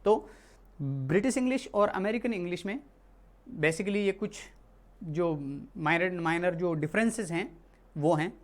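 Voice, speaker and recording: Teacher from India, mid-pitched, talks through a lesson patiently, restating and correcting as they go. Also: animated, a little slow, pauses often. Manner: explains patiently, repeats and corrects itself often. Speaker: English teacher. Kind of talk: classroom lesson explained in Hindi.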